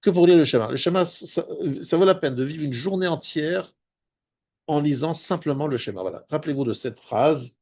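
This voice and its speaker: A man, a rabbi, teaching a spoken Torah lesson, explaining patiently and slowing down on Hebrew terms. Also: a little high, a little mellow, muffled recording. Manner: explanatory, repeats and restarts words, stresses Hebrew terms slowly.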